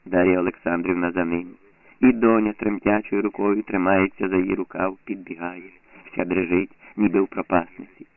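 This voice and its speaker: A man reads an audiobook in a measured, somber way. His voice is very deep with a gravelly fry, and the recording is thin and tinny like a phone line. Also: little pitch movement, dry recording. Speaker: narrator. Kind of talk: audiobook narration.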